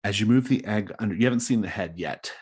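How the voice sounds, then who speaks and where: A man running a tabletop role-playing game as game master, halting and thinking aloud as he narrates. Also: lowish voice, darkish tone, breathy edge.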